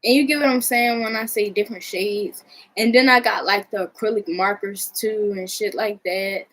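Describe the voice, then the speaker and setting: A woman's voice: medium pitch, fairly even intonation, moderate pace, fairly bright tone, poor audio. An American woman chatting casually in a vlog, rambling in a laid-back way and swearing freely. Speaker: vlogger showing own artwork. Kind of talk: casual chat.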